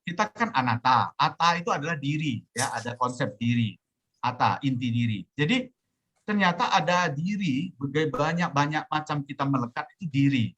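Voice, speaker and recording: A man's voice: fairly high pitch, expressive, moderate pace, a bit bright, slightly rough, muffled recording. A middle-aged man, a Buddhist teacher telling a personal story in a dhamma talk, speaking conversationally with many fillers. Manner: conversational, many fillers, acts out his own quoted pleas.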